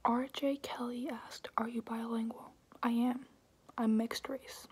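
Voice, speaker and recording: A young adult woman whispering softly and close up in a hesitant, rambling, casual ASMR question-and-answer style. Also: fairly high pitch, level tone, measured pace, slight background noise. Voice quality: breathy, unvoiced whisper. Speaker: ASMR video creator. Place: small room indoors, at home.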